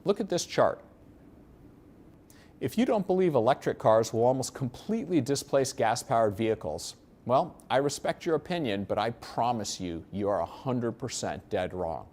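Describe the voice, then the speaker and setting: A man's voice: mid-range voice, animated, normal speed, a little mellow. An American man delivering a scripted, persuasive sales narration as a presenter, explaining things in an emphatic, assured way. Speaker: presenter of an investment promotion.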